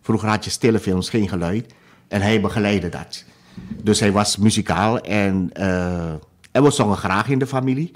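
Low-voiced man in his sixties, hesitant. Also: normal speed. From Suriname. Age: 60s. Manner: hesitant, many fillers and restarts. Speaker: guest musician. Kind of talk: interview conversation.

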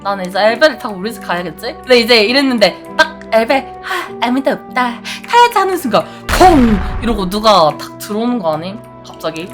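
A woman's voice: a little high, lively intonation, a little fast, few pauses, music in the background. A woman streamer playing a horror game, reading lines aloud and swearing and shrieking when startled. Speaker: VTuber streamer. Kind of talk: horror game let's play with reading out dialogue.

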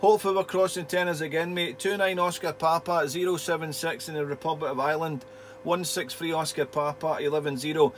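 A man with a slightly high voice chats as an amateur radio operator, friendly and talkative. His speech is full of call signs and radio jargon, over faint crackly radio hiss and hum. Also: fairly even intonation, brisk. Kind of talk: casual two-way radio contact chat. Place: indoor home radio shack.

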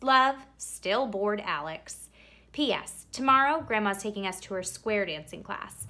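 A woman reads a children's picture book aloud, a little slowly, in a highly animated, medium-pitched voice. Like a storyteller performing for young listeners, she stresses key words and draws them out for theatrical effect.

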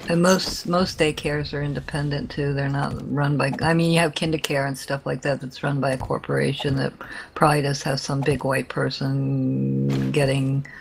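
A guest on a game stream calmly explaining things in casual chat. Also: mid-range voice, moderate pace, creaky, soft background music, rough recording.

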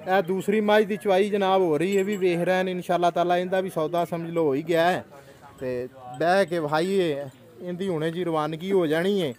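A man's voice: high voice, steady tone, a little fast, a little mellow. A Punjabi-accented man hosting a live animal sales vlog outdoors, chatty and sprinkling his talk with pious phrases and proverbs, picked up by the camera with no mic. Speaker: host of an animal sales channel. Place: outdoors at a cattle yard. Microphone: no mic, camera audio only.

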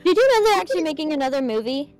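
A woman's voice: sits high, sing-song, very fast, darkish tone, faint music behind. A woman contestant in a game show, teasing and boastful in playful banter.

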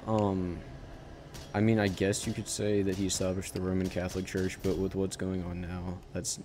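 A man giving casual commentary while he plays a game, rambling with halting starts and frequent self-corrections. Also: low-pitched, completely flat delivery, mellow, slight background noise. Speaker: gaming channel host.

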